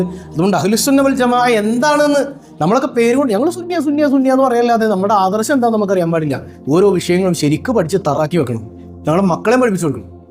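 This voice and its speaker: A man preaching to his followers, asking rhetorical questions and chanting Arabic phrases slowly. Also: high-pitched, darkish tone. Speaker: Islamic preacher. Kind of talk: religious talk to followers.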